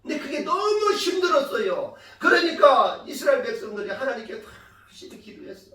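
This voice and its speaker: A woman pastor preaching a sermon in a lively storytelling way, often putting questions to the congregation and rising to loud emphasis. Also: high voice, moderate pace. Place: church sanctuary. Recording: echoey church hall from far off.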